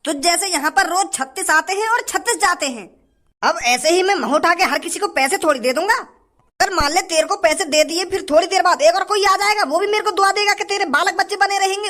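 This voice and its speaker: A man's voice: extremely high pitch, fast talker, bright, forceful tone. An actor playing a stingy, rude male shopkeeper who scolds and dismisses a beggar in a comedy sketch. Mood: scolding.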